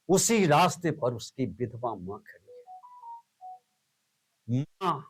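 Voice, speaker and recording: A male teacher gives a patriotic holiday address. His voice sits a little high, and he lets each phrase hang in the air. The delivery is very slow, solemn and emotional. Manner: slow, solemn, emotional storytelling with long pauses. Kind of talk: patriotic Independence Day address.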